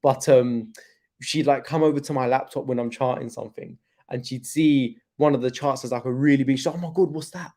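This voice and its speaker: A young man hosting a crypto livestream, chatting casually, loose with slang, slowed by pain from his hip. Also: mid-range voice, steady tone, dark tone. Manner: chatty, laid-back, loose with slang and fillers.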